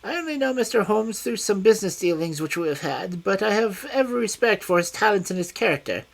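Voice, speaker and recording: A reader voices a small, frail, petulant older man, using a high, shrill, screaming voice for his imperious, peevish outbursts. The delivery is expressive and quick with vocal fry, and the mood is smooth.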